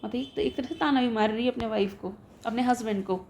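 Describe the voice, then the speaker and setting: A young woman teacher with an Indian English accent, reading a story aloud slowly and then explaining each line conversationally. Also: on the high side, a little mellow, a little hiss or hum. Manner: switches between reading English text slowly and explaining in Hindi.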